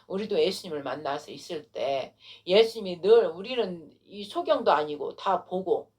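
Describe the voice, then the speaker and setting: Animated low-voiced woman pastor preaching. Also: moderate pace. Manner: animated storytelling with rhetorical questions. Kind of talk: sermon.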